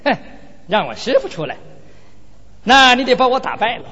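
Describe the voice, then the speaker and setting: A man's voice: extremely high pitch, big pitch swings, normal speed, bright, forceful tone, heavily acted. A man voicing a defiant young fighter girl. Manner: proud, challenging. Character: bold young female fighter, proud and defiant. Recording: reverberant hall, dull lo-fi sound.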